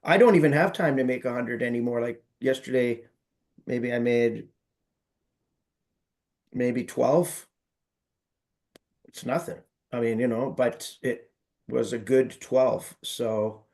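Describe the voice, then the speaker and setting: A man's voice: medium pitch, slow pace, pauses often, a little mellow. A man chatting on a group coaching call, telling light, joking stories about sales calls and acting out what people said. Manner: storytelling, light and joking, acts out quoted voices. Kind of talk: casual group call chat.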